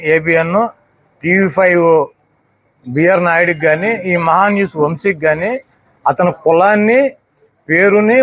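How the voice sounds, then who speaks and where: A man's voice: high voice, a bit bright. A man giving a heated political press statement, firing off rhetorical questions one after another. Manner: combative, fires rhetorical questions. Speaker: political spokesperson at a press meet.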